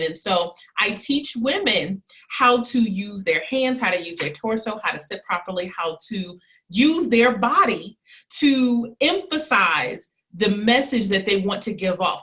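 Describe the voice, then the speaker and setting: A woman's voice: mid-range voice, a bit bright. A woman in her thirties, an etiquette teacher as an interview guest, explaining her methods in an instructive way and acting out example sentences with shifting emphasis. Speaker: charm academy owner and etiquette teacher.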